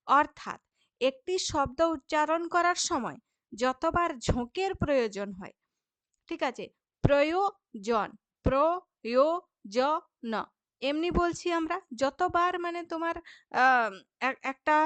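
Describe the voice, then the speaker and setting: A woman teaching a grammar lesson to school students, explaining patiently and sounding words out slowly, syllable by syllable. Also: high-pitched, fairly bright tone, no room sound. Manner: frequent checking fillers to students.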